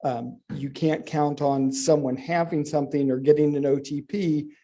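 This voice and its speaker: A man from the United States, talking on a conference panel with a mellow, dark tone and a slightly high voice. He speaks in a loose, conversational way and drops in plenty of fillers. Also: steady tone, moderate pace. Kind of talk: panel discussion. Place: conference stage.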